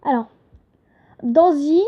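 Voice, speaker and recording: High-voiced young woman teaching. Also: slow. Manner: chatty, hesitant, restarts and self-corrections. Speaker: channel host teaching an invented language. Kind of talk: casual home-made language lesson. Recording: dull lo-fi home recording.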